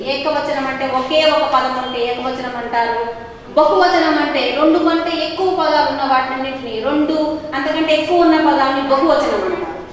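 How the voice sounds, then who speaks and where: A woman from Andhra Pradesh with a Telugu accent, teaching a grammar lesson to young pupils, slow and patient, repeating each word for them to copy. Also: sits high, a bit bright, a little hiss or hum. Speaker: school teacher. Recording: very echoey hall, voice far from mic.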